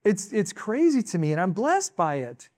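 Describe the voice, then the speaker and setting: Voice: mid-range voice, big pitch swings, moderate pace, darkish tone, dry recording, clean studio sound. A pastor from the United States, preaching a sermon with emphatic, exclaiming asides.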